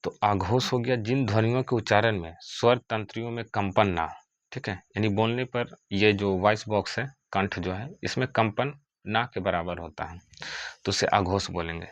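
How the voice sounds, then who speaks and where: Low-voiced grammar teacher. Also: male voice, moderate pace, no room sound, dull audio. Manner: asks questions then answers them himself, repeats "ठीक है". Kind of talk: classroom lesson with questions and answers.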